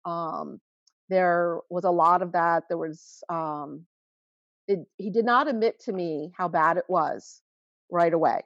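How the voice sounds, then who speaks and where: A woman in her forties speaks as a guest about her family, earnest and halting, often restarting her thoughts. Her voice sits fairly low. The recording is dry and a little muffled. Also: no echo. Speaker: guest, mother of a teen who vaped. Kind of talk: emotional personal account in interview.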